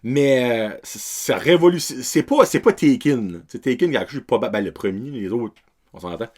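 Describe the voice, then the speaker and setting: A man's voice: medium pitch, expressive, normal speed, a little mellow. A young man with a Québécois French accent, hosting a casual film review podcast in a rambling way, dropping English words and slang as he goes. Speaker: podcast host.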